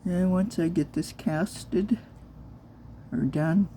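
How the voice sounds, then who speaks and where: Woman, hands-on crafter narrating a casual vlog; low, very dark tone, muttering to herself as she works. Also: takes it slowly, a little hiss or hum. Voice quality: soft-spoken, talks low on purpose. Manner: mutters to herself while working with her hands. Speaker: crafter making silicone molds.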